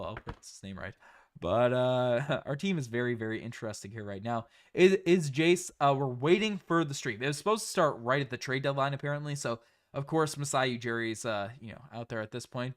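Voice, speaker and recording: A man's voice: mid-range voice, expressive, a little fast. A man from Canada with a light Newfoundland accent, hosting a casual sports livestream and often repeating phrases for emphasis.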